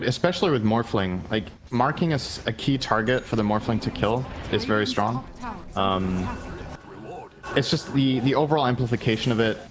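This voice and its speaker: A man with a somewhat low voice breaks down esports strategy as the color commentator. He explains things at length, peppering his talk with ums and likes. A noisy hiss runs under his voice. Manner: explanatory, lots of fillers like um and like. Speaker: esports analyst.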